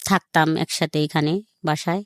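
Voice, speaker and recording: On a radio program, a deep-voiced woman with a Bangladeshi accent shares her personal history in casual speech, voicing remembered conversations. She keeps a steady tone at normal speed, recorded dry with studio quality.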